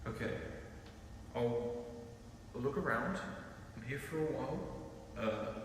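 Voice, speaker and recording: A man's voice: medium pitch, slow. An actor playing a cautious, earnest male investigator, talking in a hesitant, probing way in a naturalistic horror drama. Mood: apologetic, careful. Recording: very echoey room, faint noise.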